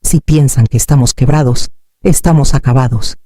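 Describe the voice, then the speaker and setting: A woman's voice: extremely low pitch, normal speed, dark tone, no room sound, clean studio sound. A woman voicing a proud grown daughter who answers in short, defensive phrases. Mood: tense, defensive. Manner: curt, defensive. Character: tense proud grown daughter hiding debts.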